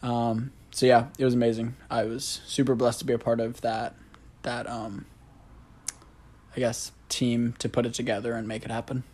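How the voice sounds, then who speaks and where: A man's voice: mid-range voice, level tone, moderate pace, a little mellow. A young man from South Louisiana co-hosting a podcast, chatting casually with dry, sarcastic jokes. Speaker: podcast co-host. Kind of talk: casual chat.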